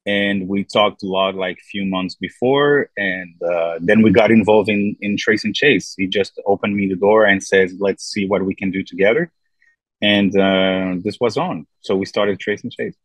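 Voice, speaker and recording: A man from Belgium with a Belgian French accent, chatting as a podcast guest, relaxed and rambling with many fillers. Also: on the low side, unhurried, hardly any pauses, no echo, rough recording. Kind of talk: casual interview chat.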